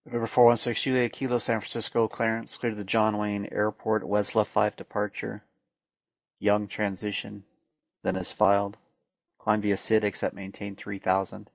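A man's voice: fairly low pitch, little pitch movement, normal speed, creaky, dry recording. A man working as an air traffic controller, giving clipped, procedural radio instructions. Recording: dull, lo-fi radio sound.

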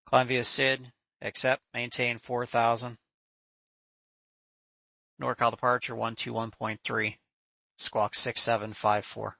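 A man's voice: mid-range voice, flat delivery, takes it slowly, creaky, long pauses, pushed and bright, no room sound, muffled recording. A man working as an air traffic controller, giving procedural instructions over the radio. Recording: dry, band-limited radio audio.

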